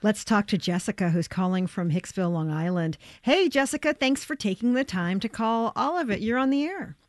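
A woman hosting a live call-in radio show with a smooth, inviting radio-host delivery and upbeat questions for callers. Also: mid-range voice, lively intonation, a little fast, no room sound. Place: radio studio.

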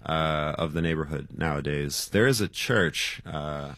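A man's voice: a bass voice, unhurried, fairly bright tone, no echo. A man being interviewed as a guest musician, talking loosely and rambling in casual conversation.

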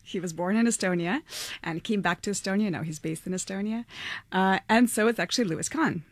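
A woman from Latvia answering interview questions, hesitant with many fillers and soft laughs. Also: medium pitch, a little fast, no echo. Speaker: curator and collaborator.

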